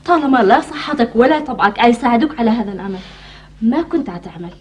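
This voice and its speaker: An actress playing a practical, gently scolding wife in a television drama, questioning and insistent, with a Yemeni accent. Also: female voice, fairly high pitch, lively intonation, fast talker, close to an everyday voice.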